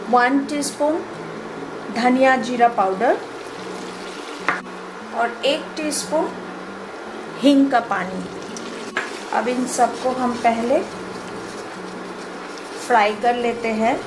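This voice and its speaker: Her high-pitched voice moves extremely slowly and pauses often as this Indian-accented woman hosts a step-by-step cooking tutorial on her channel. She keeps the instructions simple and switches between Hindi and English, over a noisy background.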